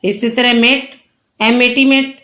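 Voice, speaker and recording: Slow, patient woman teacher spelling words. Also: on the high side, steady tone, bright, forceful tone. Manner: spells out letters slowly, patient explaining. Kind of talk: online English grammar lesson.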